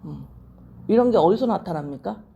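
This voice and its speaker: A woman's voice: on the low side, expressive, normal speed, gravelly, breathy edge, highs cut off. A woman pastor giving a midweek Bible teaching, reading scripture aloud and explaining it in a conversational way, often checking in with her listeners. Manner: reads scripture aloud, then restates it plainly.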